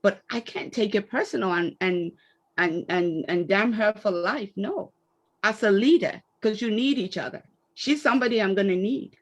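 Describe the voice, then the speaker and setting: A woman's voice: mid-range voice, normal speed. Storytelling woman on an online panel. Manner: animated storytelling, acts out quoted exchanges. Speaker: summit speaker answering questions. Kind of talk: conversational panel answer.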